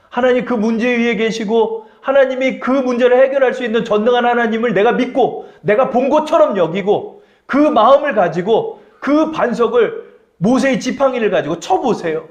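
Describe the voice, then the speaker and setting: A man preaching a sermon as pastor, asking the congregation questions and acting out the voices of people he quotes. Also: extremely high pitch.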